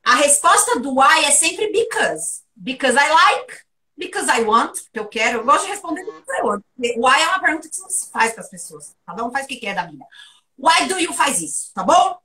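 A woman giving a private English lesson, lively and playful as she runs question drills. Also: high-pitched, normal speed, recorded from a distance. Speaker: English teacher.

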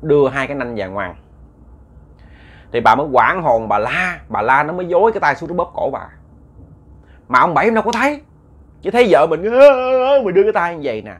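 A man's voice: fairly high pitch, animated, fast talker, pauses often, a bit bright, slightly rough. A man narrates a ghost story in a loose, conversational way. He stumbles over repeated words and keeps turning to address his listeners directly. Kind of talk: casual spoken storytelling.

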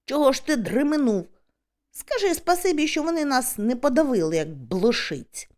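A woman doing an excitable shouting village boy. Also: high-pitched, normal speed, voice pushed up. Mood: indignant. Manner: shouting anxiously, indignant.

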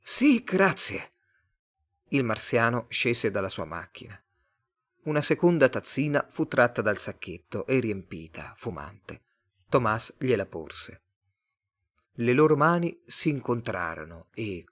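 A man from Italy reading a short story aloud as an audiobook narrator, measured and expressive. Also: medium pitch. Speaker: audiobook reader. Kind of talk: scripted literary narration.

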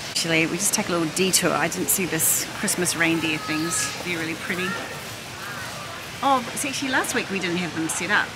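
Aussie mum filming herself shopping, lowish voice, chatty, loud store racket behind. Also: female voice, a little fast, heavy background noise. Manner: chatty, thinking aloud while browsing. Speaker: vlogger. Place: busy warehouse store.

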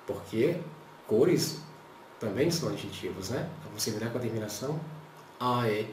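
A man's voice: medium pitch, animated, darkish tone, recorded from a distance. A man teaching a language lesson in a patient, repetitive way. His voice bounces around a roomy indoor space. He sounds a little away from the microphone, with faint ambient noise behind him. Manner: patient, repeats words slowly and checks in with "ok?". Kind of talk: classroom-style lesson with a board. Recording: echoey room, voice off-mic.

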